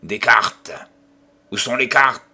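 A man reading an audiobook and voicing a tormented old gambler who swings from hushed whispers to furious outbursts. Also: mid-range voice, slow pace, full character voice. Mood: raging. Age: older. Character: raving old male gambler haunted by the devil.

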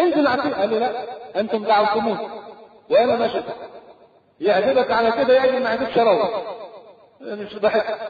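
A man with an Egyptian Arabic accent preaching a sermon, telling a story in animated colloquial speech and acting out its dialogue. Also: high-pitched. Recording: echoey hall over a tinny lo-fi line.

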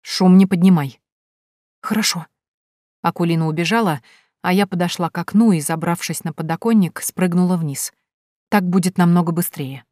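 A woman narrates an audiobook in the first person with a lively, wry delivery. Her voice sits rather low. The sound is dry and close. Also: a little fast, dry recording.

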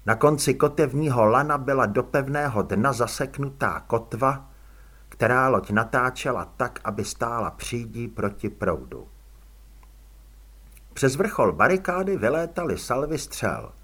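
A man narrating an audiobook in an expressive, dramatic storytelling manner. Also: medium pitch, breathy edge.

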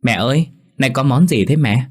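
A man's voice: mid-range voice, lively intonation, normal speed, pitched above the performer's own voice, close to an everyday voice. A man voicing a polite young village girl asking her parents a question at dinner. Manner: polite, respectful.

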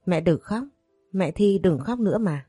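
A woman reading the part of a sweet little boy, speaking softly and tenderly. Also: lowish voice, animated, a little slow, breathy edge, no echo, clean studio sound, faint music behind. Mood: gentle. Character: sweet gentle little boy, a ghostly son.

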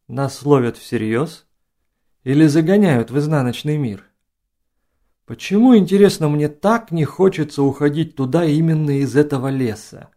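Commanding storybook princess, quiet and measured, read by a man in his own gravelly, dark voice. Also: fairly high pitch, close to an everyday voice. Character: princess, a woman, composed and commanding. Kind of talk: audiobook reading.

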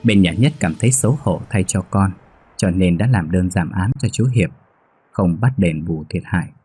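A man narrating a scripted horror story in a steady, even reading. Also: deep voice, normal speed, breathy edge, no room sound. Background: faint music.

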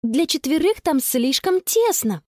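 A woman's voice: very high voice, big pitch swings, unhurried, no echo, studio quality, voice pushed up, exaggerated voice. A woman voicing a frightened, bossy young girl who calls out urgently in a children's storybook. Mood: apologetic. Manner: pleading, urgent shouts.

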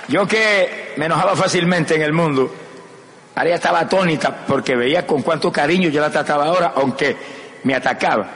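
An older evangelist preacher from Puerto Rico, with a Puerto Rican Spanish accent and a slightly high male voice, delivers a fervent sermon that includes his personal testimony. He swings from soft storytelling to loud, shouted exclamations. The recording is from an echoey hall with crowd noise.

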